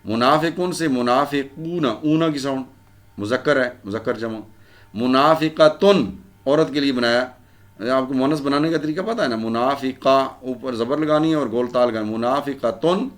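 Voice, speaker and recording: Man, grammar teacher, recorded lesson, mid pitch, repeats endings, answers own questions. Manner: repetitive drilling of word endings, asks and answers own questions.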